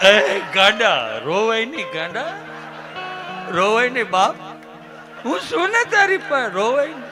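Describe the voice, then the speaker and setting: A man's voice: very high-pitched, very animated, unhurried, heavily acted. A man voicing a kindly male doctor who consoles a patient, soothing him while scolding him affectionately, with guitar music playing behind. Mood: consoling.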